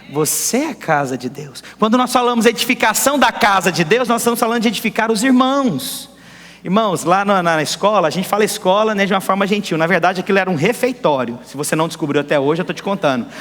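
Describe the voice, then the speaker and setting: High-voiced pastor preaching in an echoey hall. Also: male voice. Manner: animated, rhetorical questions to the congregation. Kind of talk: sermon. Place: church hall.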